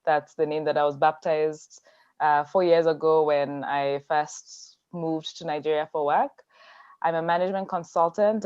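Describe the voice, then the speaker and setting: A woman's voice: low voice, darkish tone, dull audio. A woman management consultant introducing herself on a panel in a friendly, upbeat way.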